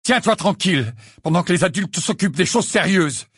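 A man's voice: fairly high pitch, expressive, moderate pace, husky, no room sound, studio quality, pitched above the performer's own voice. Man doing an angry teenage boy wizard. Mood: shouting. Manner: sharp, impatient outbursts. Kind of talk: audiobook character voice.

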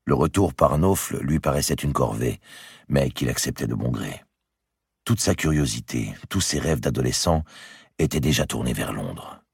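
A man narrating an audiobook in a steady storytelling manner. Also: rumbling low, normal speed, creaky, breathy edge, dry recording, studio quality. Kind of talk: scripted narration.

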